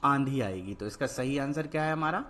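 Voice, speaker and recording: A male Hindi teacher works through a worksheet, asking "what word is it" and answering it again and again. His voice sits at an ordinary middle pitch, with faint noise under the recording. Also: lively intonation, fairly quick, fairly bright tone. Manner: repetitive questioning, patient drilling of each word. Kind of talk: worksheet lesson, call and response.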